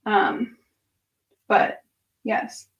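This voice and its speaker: A woman in her twenties rambles casually on a livestream from a room at home lined with bookshelves, half-distracted as she thinks aloud and answers viewers' questions. She speaks very slowly, and the recording sounds muffled.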